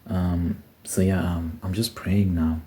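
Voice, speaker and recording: A man's voice: low voice, flat delivery, takes it slowly, dark tone. A man giving a casual, reflective personal monologue, thinking aloud in short phrases as a vlogger. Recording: noticeable background noise.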